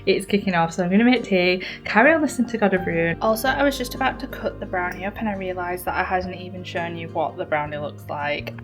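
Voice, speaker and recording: A woman's voice: lowish voice, fast talker, few pauses, over music. A young woman chatting casually in a vlog, filling her talk with "like". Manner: chatty, says "like" a lot. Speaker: vlogger.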